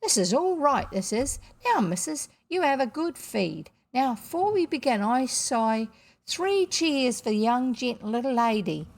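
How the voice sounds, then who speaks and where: A woman pitches her voice above her own, fairly high and creaky, to play a boisterous, jovial working-class father just back home in a children's storybook. Her full character voice is very animated yet measured, colloquial and packed with exclamations, with a hearty, festive mood.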